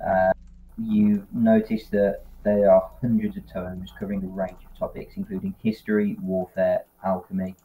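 Low, flat-voiced game master. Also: male voice, moderate pace. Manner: steady descriptive narration with fillers. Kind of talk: narrating a tabletop game over voice chat. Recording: tinny voice-chat audio, faint noise.

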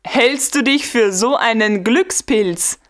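A woman reading the lines of a smug, carefree young male guard lieutenant in an audiobook, calm and teasing. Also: very high voice, slow, exaggerated voice. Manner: calm, self-satisfied, teasing. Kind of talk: audiobook dialogue.

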